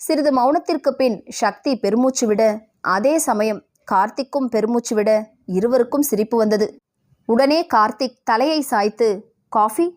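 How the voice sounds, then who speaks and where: A woman radio jockey narrating an audio novel in a smooth, even storytelling manner. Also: a little high, normal speed.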